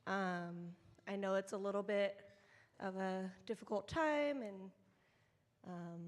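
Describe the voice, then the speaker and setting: A woman's voice: mid-range voice, big-room sound. A woman who leads a children's ministry, speaking informally to a group of volunteers at a training session in a church meeting room. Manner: informal and conversational, addressing a group.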